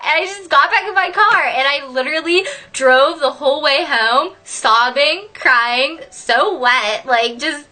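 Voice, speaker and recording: A young woman telling a story on her vlog, animated and sweary, laughing often. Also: sits high, unhurried, hardly any pauses. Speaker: vlogger.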